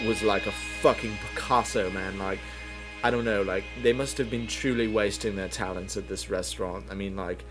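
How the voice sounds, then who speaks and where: A man telling a rambling comedic story as a podcast host, full of fillers and swearing, sometimes far from the mic. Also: on the low side.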